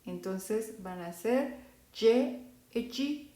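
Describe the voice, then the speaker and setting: Female language teacher, dark and mellow tone, unhurried delivery, echoey room. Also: medium pitch, animated. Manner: slow, careful, repeats example words. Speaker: Italian teacher. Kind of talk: phonetics lesson for Spanish speakers.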